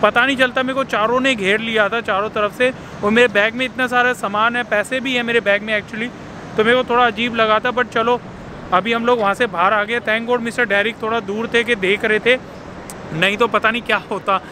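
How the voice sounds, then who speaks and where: A man's voice: very high voice, steady tone, a little fast. A man in his thirties from India with an Indian accent, chatting to a handheld camera as a travel vlogger on a busy city street, slipping English phrases into his talk. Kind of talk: casual vlog narration to camera. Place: busy city street and subway station outdoors. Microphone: handheld camera at arm's length. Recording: street noise behind.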